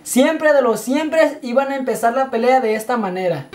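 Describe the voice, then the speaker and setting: A man's voice: very high-pitched, lively intonation, moderate pace. A young man giving a casual comic monologue to camera as a video host. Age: young adult. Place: indoors before a painted backdrop. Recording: loud guitar music behind the voice.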